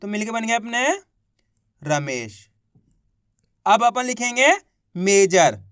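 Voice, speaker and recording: A man's voice: very high-pitched, little pitch movement, fast talker, sharp tone, smooth, no room sound, clean studio sound. A man teaching an online spelling lesson, repeating each word and quizzing the viewers patiently. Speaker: Hindi teacher.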